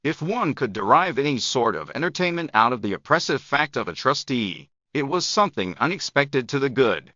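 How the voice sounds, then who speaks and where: A man narrating an audiobook story in measured phrases with long gaps between them. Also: mid-range voice, sing-song, pushed and bright, dry recording, dull audio. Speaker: narrator of English shadowing practice.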